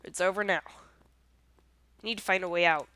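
A woman's voice: lowish voice, fairly even intonation, moderate pace, pushed and bright, no echo. A woman with a congested, nasal voice chatting casually through her gameplay, easily surprised and self-deprecating. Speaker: gameplay commentator.

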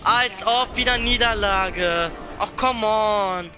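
A man's voice: high voice, slow pace. A young man live-streaming a game, chatting to viewers and ranting in exasperated, slangy outbursts. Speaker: game livestreamer. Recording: loud game music behind the voice. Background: video game music and sounds.

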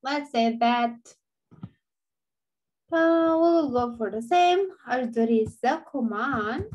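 Speaking slowly into her laptop webcam, a young woman with a Romanian accent gives an online language lesson as a native speaker. Her voice is on the high side and a little mellow, and she patiently repeats words so learners can follow.

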